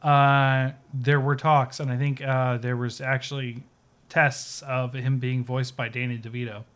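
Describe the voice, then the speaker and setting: A man's voice: mid-range voice, level tone, a little slow, fairly bright tone. A man co-hosting a casual podcast, rambling with lots of fillers and restarts. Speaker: podcast co-host. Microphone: video call setup, sharing his screen.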